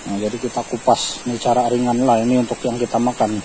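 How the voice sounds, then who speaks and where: A middle-aged Malaysian man talks through his durian harvest in a steady, flat voice. He is out on a hillside, with clear outdoor noise in the background. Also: medium pitch, quick pace, low-quality recording. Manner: relaxed explaining, steady even delivery. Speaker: vlogger. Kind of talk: casual outdoor vlog.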